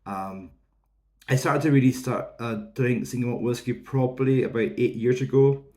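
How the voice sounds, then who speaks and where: A man's voice: medium pitch, normal speed, dark tone. A man in his thirties with a Hebridean Scottish accent, giving a casual, rambling review to camera in an informal, explanatory way. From Isle of Lewis, Outer Hebrides, Scotland. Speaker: whisky reviewer.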